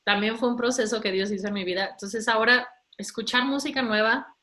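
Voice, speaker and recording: A woman's voice: on the high side, steady tone, a little fast, bright, forceful tone. A woman, a guest talking casually about her faith, chatty, with many fillers. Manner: chatty, frequent fillers and laughs. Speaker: interview guest.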